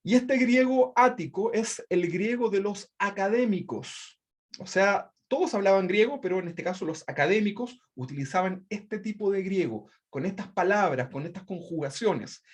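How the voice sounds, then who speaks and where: A man's voice: high-pitched, lively intonation, moderate pace, breathy edge. A man teaching a Bible study class, explaining step by step, often checking in with "right?" and restarting words. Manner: explanatory, repeats "¿verdad?" often, frequent restarts; refers to projected slides.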